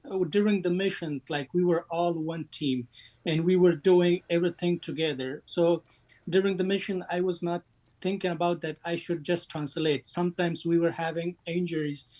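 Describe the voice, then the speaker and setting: A man from Afghanistan, a former interpreter, speaking haltingly with many fillers and restarts. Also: on the high side, steady tone, a little mellow, low-quality recording.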